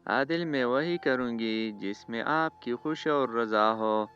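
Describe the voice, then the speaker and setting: A man voicing a shy young bride who speaks softly and quietly. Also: mid-range voice, smooth, close to an everyday voice. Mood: devoted. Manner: soft, quiet. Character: shy young new bride, soft-spoken. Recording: dull lo-fi audio with faint music behind.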